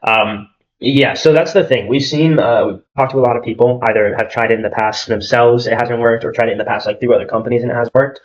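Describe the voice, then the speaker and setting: A young man from Arizona works a sales call for a marketing agency, talking fast and casually and leaning on "like" and "at the end of the day." His voice is mid-range with a steady tone, and the audio sounds dull.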